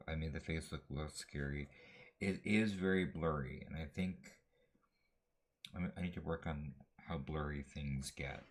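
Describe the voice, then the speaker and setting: A man casually chatting about his drawing, rambling with lots of fillers and restarts. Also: a bass voice. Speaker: vlogger.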